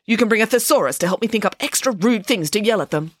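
A woman's voice: mid-range voice, expressive, fast, husky, dry recording, clean studio sound, voice pushed up. A woman voicing a bossy, indignant female pig nanny in a children's storybook, with dramatic, emphatic declarations. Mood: indignant, determined.

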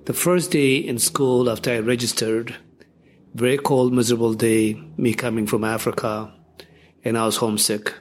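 An older man speaks as an interview guest in a medium pitch. He tells his story reflectively, pausing often and searching for words. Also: fairly even intonation. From Ethiopia. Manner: reflective, halting with fillers.

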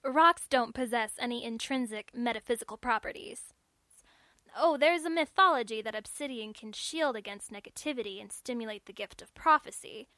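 Woman doing a stern registrar lady in a storybook, crisp probing questions, dry close sound. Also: on the high side, normal speed, pushed and bright, no echo. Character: brisk female school registrar, stern yet wry.

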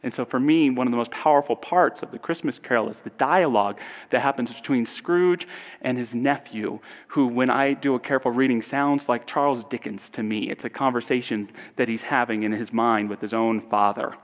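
A man giving a reflective spiritual talk in a soft, earnest way that sometimes drops to a whisper. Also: medium pitch, steady tone, fairly quick. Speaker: speaker. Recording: long hall reverb.

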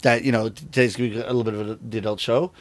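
A middle-aged man with a lowish voice races through a casual interview, recorded dry. A rakugo storyteller, he's animated and imitates the voices of the people in his stories.

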